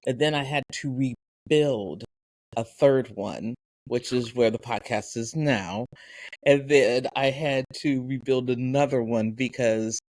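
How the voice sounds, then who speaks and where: A woman co-hosting a podcast, telling rambling, animated stories in casual chat. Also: a bass voice, a little slow, dry recording, poor audio. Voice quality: animated, rambling storytelling with voiced asides. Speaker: podcast co-host.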